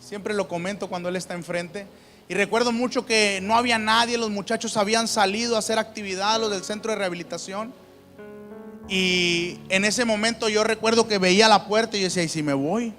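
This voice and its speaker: A man's voice: high voice, fairly even intonation, fairly quick, a bit bright, long reverb tail, soft background music. A man preaching his personal testimony, fervent and often calling listeners brother. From Mexico. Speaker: evangelist giving testimony.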